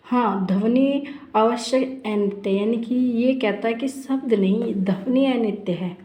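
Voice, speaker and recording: A Sanskrit teacher with a fairly high, mellow voice gives an unhurried lecture on grammar for exam preparation. She repeatedly poses questions to herself and then answers them, while the room rings with echo.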